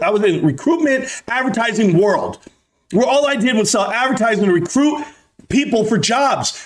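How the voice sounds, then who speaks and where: A man with a notably high voice launches into an escalating comedic rant. He speaks as an online video commentator, addressing his targets directly. His delivery is combative and emphatic, full of taunts and swearing.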